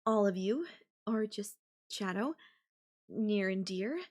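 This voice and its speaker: In an intimate audio roleplay, a young woman plays a sweet but possessive yandere girlfriend, speaking softly and haltingly to the listener. Her natural voice sits in the mid range, and the mood is ceremonial and devoted.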